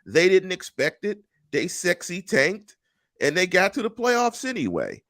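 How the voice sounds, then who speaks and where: Bright-voiced man hosting podcast. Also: high-pitched, huge pitch swings, a little slow, no room sound, studio quality. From Pittsburgh. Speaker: podcast host. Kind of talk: casual sports podcast chat. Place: home room. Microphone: headset and studio mic on video call.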